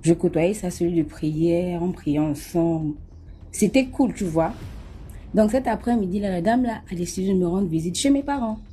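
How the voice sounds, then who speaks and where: Mellow-voiced woman telling a night story. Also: fairly low pitch, moderate pace, slight background noise. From Nigeria. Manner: lively, acts out scenes, often addresses the listener. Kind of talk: casual spoken testimony.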